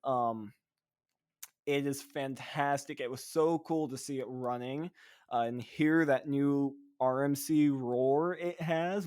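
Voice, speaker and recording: A man's voice: medium pitch, a little mellow, dry recording, clean studio sound. A man co-hosting a podcast, chatting enthusiastically with frequent fillers. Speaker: podcast co-host. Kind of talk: casual podcast chat.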